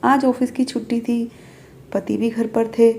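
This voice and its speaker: Female storyteller with a dark, mellow voice, for steady narration of a story. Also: on the high side, measured pace, creaky, slight background noise.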